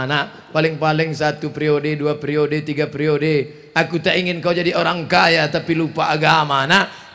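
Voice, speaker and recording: A male preacher delivers an animated, joking sermon. His high voice swings between loud bursts and soft asides as he acts out scenes. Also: gravelly.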